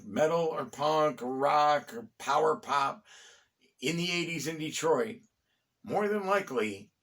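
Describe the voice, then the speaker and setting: A middle-aged American man hosts a local history series, narrating in a conversational bedtime-story style. His medium-pitched, fairly bright voice phrases things deliberately, with pauses and wry asides dropped in.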